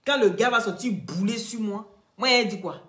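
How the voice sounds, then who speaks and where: A woman's voice: medium pitch, normal speed, fairly bright tone, echoey room. A woman hosting a live video, speaking straight to her followers in an emphatic, lecturing way. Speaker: social media live-stream host.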